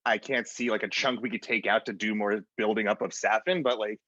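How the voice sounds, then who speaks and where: A man co-hosting a casual film chat, opinionated and halting, with many fillers. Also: on the low side, steady tone, pushed and bright, dry recording. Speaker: podcast co-host. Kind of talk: casual chat about films. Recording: dry, dull lo-fi audio.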